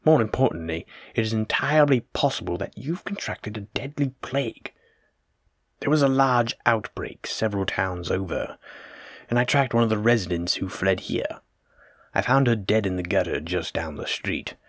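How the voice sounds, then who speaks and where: Speaking close and dry with no room sound, a man plays a plague doctor in an audio roleplay aimed straight at the listener, his lowish voice fairly bright and expressive at a moderate pace. Formal, polite, and a touch self-important, he picks old-fashioned words fussily and evasively, sounding indignant.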